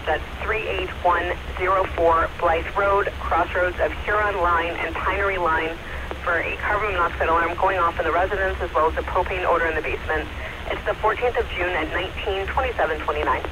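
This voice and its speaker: Man as high-voiced fire dispatcher over scanner radio. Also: steady tone. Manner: slow, deliberate repetition of addresses and times. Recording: noisy scanner radio transmission.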